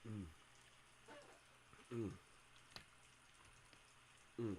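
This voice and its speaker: A man hosting a livestream, chatting casually and rambling, with humming pauses while he eats. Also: on the low side, fairly even intonation, mellow, a little hiss or hum. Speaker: livestream host. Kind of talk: casual chat while working.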